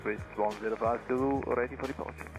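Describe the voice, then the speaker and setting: A man's voice: mid-range voice, steady tone, quick pace. A male airline pilot giving clipped radio readbacks over a cockpit headset. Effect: pilot radio call over a cockpit headset. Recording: muffled radio transmission with music.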